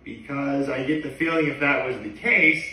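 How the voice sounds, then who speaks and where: A man's voice: mid-range voice, steady tone, normal speed, sharp tone, slight background noise. A man in his thirties talking casually to camera in a hesitant, digressive way, often backtracking. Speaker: daily video blogger. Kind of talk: casual rambling vlog to camera. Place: living room, indoors. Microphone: camera a few feet away. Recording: echoey room, distant microphone.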